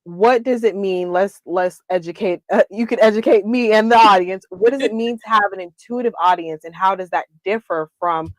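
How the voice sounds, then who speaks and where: Female talk show host, conversational and affirming, mid-pitched, recorded dry. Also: normal speed, hardly any pauses, no echo. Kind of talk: casual chat.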